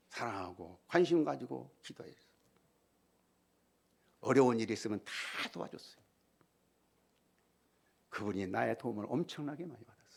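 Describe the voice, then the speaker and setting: A middle-aged man delivers a sermon as pastor in a church, his pitch leaping widely as he presses each point. He repeats key phrases for weight and swings between forceful outbursts and hushed, near-whispered asides. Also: creaky, slightly rough. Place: church sanctuary.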